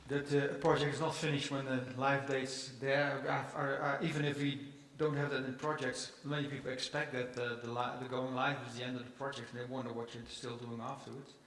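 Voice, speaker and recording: A man's voice: mid-range voice, level tone, brisk, few pauses, a bit bright. A man chairing a conference session, asking the speaker a question with polite, brief prompts. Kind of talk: moderating a conference Q&A. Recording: echoey lecture hall.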